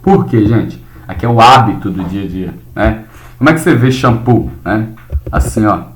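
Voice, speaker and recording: A man's voice: lowish voice, animated, normal speed, a little hiss or hum. Casual man teaching in an echoey room. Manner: casual explaining with frequent tag questions. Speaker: spelling teacher. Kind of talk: recorded video lesson.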